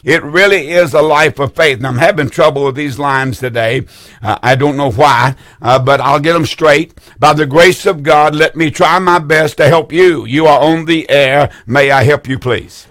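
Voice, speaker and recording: An eighty-year-old man hosts a call-in religious radio show, preaching in a folksy, repetitive way and often stammering and restarting. His voice is a little high, fairly bright and steady, at a normal speed.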